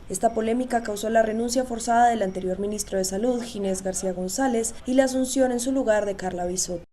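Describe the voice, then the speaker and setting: A woman reporter reading a scripted news voice-over in a steady, even way. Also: mid-range voice, slight background noise. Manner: steady, number-heavy reading.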